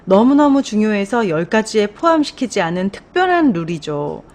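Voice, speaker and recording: An upbeat, wise woman bus driver, earnest and encouraging as she hands out firm advice, voiced by a woman reading a storybook aloud. Her pitch sits in a plain middle range. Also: very animated, moderate pace, darkish tone, natural voice.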